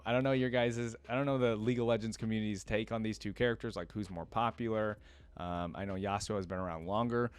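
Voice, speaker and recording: In a clean, fairly low voice, a man hosts a reaction video, chatting casually to camera. He's enthusiastic and informal, thinking aloud in a rambling stream of commentary.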